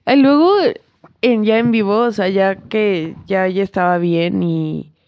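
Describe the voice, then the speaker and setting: A woman's voice: medium pitch, measured pace, no echo. A young woman with a Mexican Spanish accent, chatting casually with friends and acting out the people in her story. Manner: animated storyteller, acts out quotes. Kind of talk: casual chat among friends. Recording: dull, lo-fi sound.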